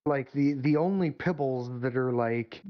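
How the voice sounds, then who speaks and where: A man's voice: mid-range voice, a little slow, no echo. A man streaming with friends, chatting casually, blunt, profane and joking. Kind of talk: casual chat. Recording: dull lo-fi stream mic.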